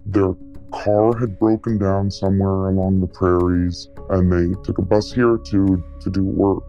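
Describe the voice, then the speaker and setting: In flat, unhurried speech with a dark tone, a male tipster recounts what he witnessed in an interview. His voice has been disguised by altering and lowering its pitch, the audio sounds dull, and gentle music runs underneath.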